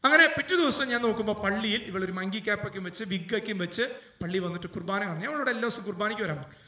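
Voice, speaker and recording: High bright-voiced preacher in an echoey room. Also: male voice, very fast, recorded from a distance. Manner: emotional preaching, rising to loud fervent appeals. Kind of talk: sermon storytelling.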